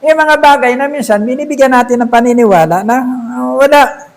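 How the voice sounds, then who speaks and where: Man, preacher, high voice, storytelling sermon, rhetorical questions. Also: fairly quick, poor audio.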